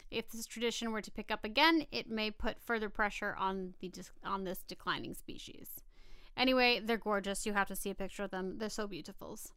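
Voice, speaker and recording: A woman co-hosting a casual animal-facts podcast, reading from notes with chatty asides and an expressive, playful way of talking. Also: medium pitch, a little fast, smooth, no echo. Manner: giggly, expressive, stumbles playfully over scientific words. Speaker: podcast co-host.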